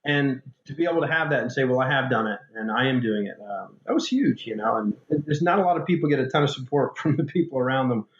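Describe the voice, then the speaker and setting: A man's voice: medium pitch, lively intonation, fast, hardly any pauses. Man as interview guest, frank and darkly funny, roomy and slightly muffled audio. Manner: candid, dark-humored storyteller with many restarts. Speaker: author and paramedic guest. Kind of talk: storytelling in a podcast interview.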